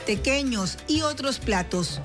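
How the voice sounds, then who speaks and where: A woman reporter reading a scripted news voice-over in a measured, even way. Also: high-pitched. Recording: voice-over with music bed.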